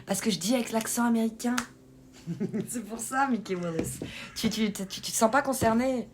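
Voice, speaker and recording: A livestream host chats and laughs with her viewers in a casual stream, keeping her talk loose and friendly and reacting to the chat as it comes. Her voice is on the high side at a moderate pace, with faint noise behind it.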